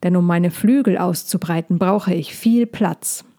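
A woman voicing a calm, caring young female dragon in a storybook reading, speaking gently. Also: on the low side, measured pace.

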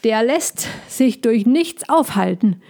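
A small, fussy hedgehog from a storybook, his voice pitched well above a normal speaking voice and pushed out loudly as he frets and scolds, with a woman putting on the voice as she reads. He sounds agitated and worried. The delivery is slow and carefully spaced, as in a story read aloud. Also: animated. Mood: scolding. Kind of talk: storybook reading.

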